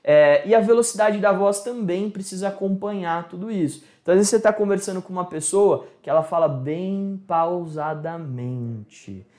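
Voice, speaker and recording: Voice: medium pitch, moderate pace, hardly any pauses, a little mellow. A communication instructor with a Brazilian accent giving a casual video lesson, talking straight to the viewers and checking in with them often. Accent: Brazilian Portuguese. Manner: chatty, addresses viewers directly, checks in with "percebe?".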